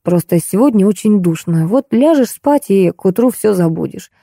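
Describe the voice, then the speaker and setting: Женщина озвучивает кроткого мягкого мужа. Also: female voice, medium pitch, lively intonation, creaky, dark tone, dry recording, studio quality. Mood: soothing. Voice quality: meek, slow, placating. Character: calm soothing young husband.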